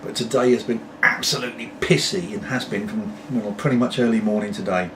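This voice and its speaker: A man's voice: lowish voice, steady tone, a little fast. British male vlogger, middle-aged, meandering pipe-in-mouth chat, off-mic and noisy home recording. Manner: talking while puffing on a pipe; meandering, apologetic asides. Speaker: pipe-smoking video blogger. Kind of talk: casual rambling chat to camera. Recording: distant mic, clearly noisy background.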